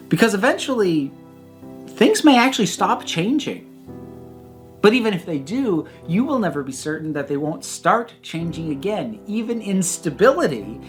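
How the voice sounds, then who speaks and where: A speaker in their thirties, medium in pitch, reads a prepared personal reflection. The delivery is measured and emphatic, with deliberate pauses.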